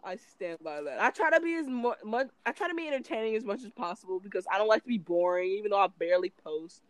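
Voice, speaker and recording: A woman's voice: medium pitch, expressive, quick pace, dry recording. A young woman co-hosting a podcast, chatting casually in a playful, dramatic way. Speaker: podcast co-host. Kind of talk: casual chat.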